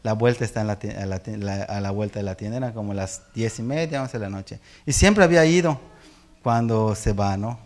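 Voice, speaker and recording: A middle-aged man with a Mexican accent preaching a sermon, telling family stories in a lively way and laughing often. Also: lowish voice, a little fast. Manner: animated storyteller, acts out family voices and laughs often. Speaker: pastor. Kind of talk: sermon with personal storytelling.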